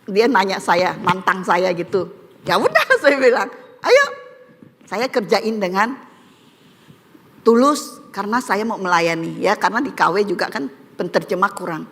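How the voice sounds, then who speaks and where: A woman's voice: a little high, sharp tone. A middle-aged woman giving a casual church testimony, chatty and laughing often, with many "gitu ya" fillers. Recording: long hall reverb.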